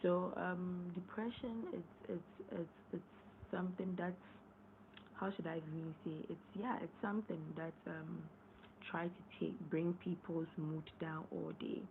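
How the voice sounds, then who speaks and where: A young woman with a low, hoarse, gravelly voice chats loosely on a late-night live stream, rambling, repeating words and clearing her throat often. Her intonation stays fairly even and she's in no hurry. The audio is thin and tinny like a phone line, with a faint hiss underneath.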